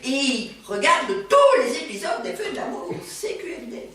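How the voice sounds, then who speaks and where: With a high voice and wildly swooping pitch, an actress portrays an exuberant older woman, once an actress herself, in a lively stage comedy. She talks in a chatty, theatrical, quick-witted manner; a crowd is audible, and the roomy stage sound comes from afar.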